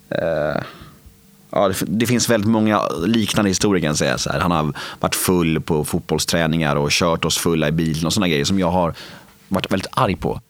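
A man in his late twenties, speaking candidly in an interview, halting with many fillers and restarts. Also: sits low, no room sound.

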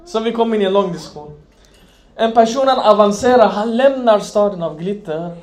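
High-voiced impassioned male preacher. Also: lively intonation. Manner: impassioned, swinging from loud to hushed. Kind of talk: Islamic sermon.

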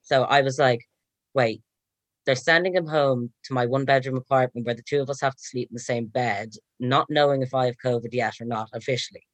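A young man recounting events in casual chat, calm and measured as he retells a conversation. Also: mid-range voice, dry recording. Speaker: guest.

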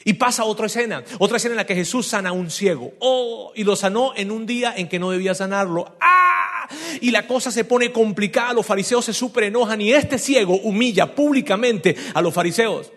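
A man from Venezuela, a pastor preaching a sermon in an animated storytelling way, asking his listeners direct questions. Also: high voice, brisk, hardly any pauses.

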